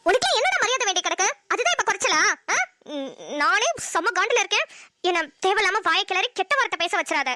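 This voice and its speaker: A woman's voice: very high-pitched, big pitch swings, fast talker, bright, forceful tone, no echo, exaggerated voice. A woman voicing a hot-tempered young wife in a cartoon, a medical student who scolds and threatens sharply. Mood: angry. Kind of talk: cartoon voice acting.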